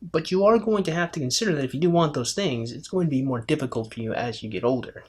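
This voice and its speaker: A man's voice: fairly high pitch, fast talker, darkish tone, husky. Man giving casual video commentary. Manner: conversational, lecturing, addresses her as "my friend".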